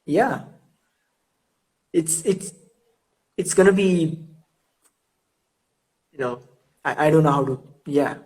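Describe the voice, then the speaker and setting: Hombre joven que entrevista con risas y titubeos, voz algo aguda por videollamada. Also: male voice, a little high, a little mellow, poor audio. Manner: laughing, halting, repeats words. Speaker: host. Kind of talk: casual video-call interview.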